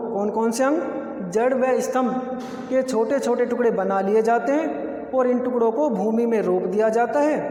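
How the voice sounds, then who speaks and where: A man with a very high voice teaches a biology class with a Rajasthani accent. He explains step by step and poses questions that he answers himself. His voice rings around a classroom with a long, roomy echo. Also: a little mellow. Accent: Rajasthani Hindi. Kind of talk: classroom lecture. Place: classroom with a board. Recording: echoey room with long reverb.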